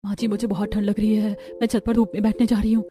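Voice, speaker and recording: A woman voicing a modest, gentle young village bride in a cartoon story, speaking softly and politely. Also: mid-range voice, flat delivery, quick pace, lightly acted. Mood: meek. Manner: soft, polite. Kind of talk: cartoon voice acting.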